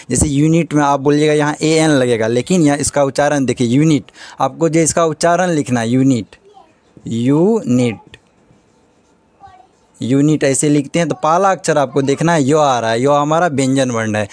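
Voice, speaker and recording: A male teacher walks through a grammar lesson, posing a question and then answering it himself, over and over. His voice sits somewhat high for a man. The sound is close and dry, with no room echo. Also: brisk, a little mellow.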